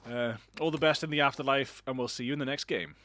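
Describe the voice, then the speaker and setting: A man's voice: medium pitch, fairly even intonation, fast, sharp tone, a little hiss or hum. A man casting an online shooter match alone, chatty and rambling, with self-deprecating asides. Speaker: esports caster. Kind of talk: solo game commentary.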